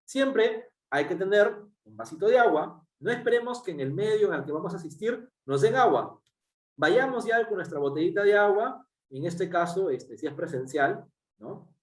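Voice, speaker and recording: A man's voice: high-pitched, lively intonation, normal speed. A man with a Peruvian Spanish accent giving a workshop lecture, explaining step by step with frequent fillers and tag questions. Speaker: workshop speaker. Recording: roomy, distant mic.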